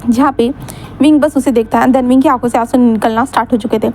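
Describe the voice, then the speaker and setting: High-voiced woman casually retelling a story. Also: fairly even intonation, fast, a little mellow, a little hiss or hum. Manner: casual retelling with many fillers. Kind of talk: casual fan-fiction story reading.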